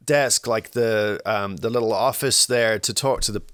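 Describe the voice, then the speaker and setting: A man's voice: on the low side, moderate pace, fairly bright tone, clean tone, no room sound. Guy cohosting a podcast, telling a story, acts out his own lines, dry close sound. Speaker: podcast co-host. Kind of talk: casual storytelling chat.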